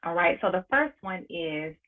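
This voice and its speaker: A woman coaching parents in an online workshop, speaking in a measured, encouraging way and repeating key phrases. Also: on the low side, lively intonation. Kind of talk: webinar workshop presentation. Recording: tinny phone-like audio.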